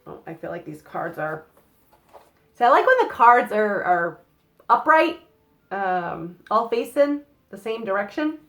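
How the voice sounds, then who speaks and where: Her voice is mid-range, sing-song and fairly bright, though a cold leaves it slightly nasal. The young woman, a psychic card reader, delivers a casual tarot-style reading to camera, chatty and packed with fillers and little "okay?" checks.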